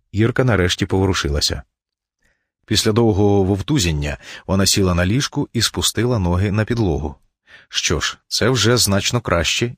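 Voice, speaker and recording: A man's voice: deep voice, no room sound. A man narrating a first-person audiobook in a dry, ironic storytelling manner. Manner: dry, ironic storytelling with angry outbursts in dialogue.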